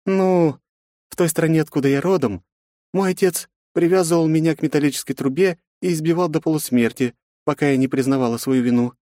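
Man doing protective aunt, higher voice, sharp, mocking, storybook, dry sound. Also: fairly quick, no room sound, natural voice. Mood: soothing. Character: stern, protective woman, the girl's aunt.

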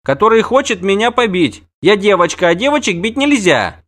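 Man putting on a high squealing little girl, spirited princess, lively eager exclamations, storybook reading. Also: moderate pace. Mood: pouting.

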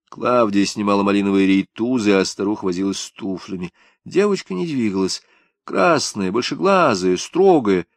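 A man calmly narrating a literary audiobook in a measured reading voice. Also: fairly low pitch, no room sound, clean studio sound.

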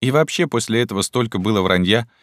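A man reading an audiobook voices a young woman, an earnest student in love, in a soft, pleading, raised voice. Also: on the low side, lively intonation, quick pace, no echo, voice pushed up. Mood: wistful. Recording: dry close studio sound.

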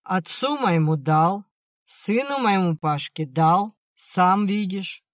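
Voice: medium pitch, slow pace, dry recording, clean studio sound, pitched above the performer's own voice, close to an everyday voice. Narrator doing a drunken bitter old peasant father. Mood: maudlin, self-pitying. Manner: shouting then maudlin, slurred. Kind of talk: audiobook acting.

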